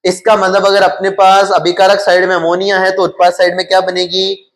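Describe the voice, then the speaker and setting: A man's voice: high voice, monotone, brisk. A male chemistry teacher with a Hindi accent lecturing his class. He keeps asking questions and answers them himself, repeating the key terms.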